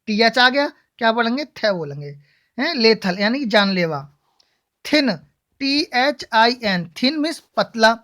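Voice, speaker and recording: A woman, her voice sitting a little high, teaching English pronunciation to a class. She keeps asking the class a question and then answering it herself. She spells each word out letter by letter as she goes. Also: a bit bright. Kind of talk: classroom-style lesson.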